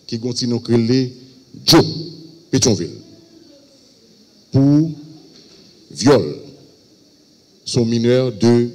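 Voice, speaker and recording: A man with a Haitian accent, a police spokesperson giving a press briefing, reading out a list of cases in a halting way. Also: mid-range voice. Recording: echoey hall with long reverb.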